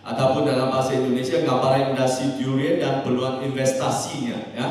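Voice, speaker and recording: A man's voice: mid-range voice, little pitch movement, fairly quick, darkish tone, distant mic. Malaysian man presenting in an echoey hall. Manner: mixes Malay, Indonesian and English, frequent "ya" tags. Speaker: seminar speaker. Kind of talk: conference presentation. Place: large hall.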